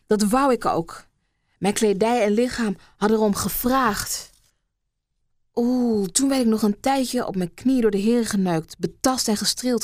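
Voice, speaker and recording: A woman reading an erotic story aloud in a soft, hushed voice that slips into whispers. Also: a little high, no echo, clean studio sound. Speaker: narrator.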